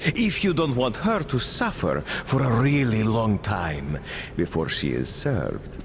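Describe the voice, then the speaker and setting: An actor playing a smug, mocking cannibal leader who talks like a polite official, in a video game. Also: male voice, fairly low pitch, sing-song, slow, big-room sound, a little hiss or hum. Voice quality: mocking, smooth and theatrical.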